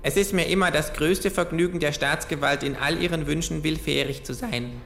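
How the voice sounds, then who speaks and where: A man voicing a cheeky, quick-witted male kangaroo in a live comedic reading, teasing and mock-formal. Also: on the high side, gravelly, fairly bright tone, a little hiss or hum, pitched above the performer's own voice. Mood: smug teasing.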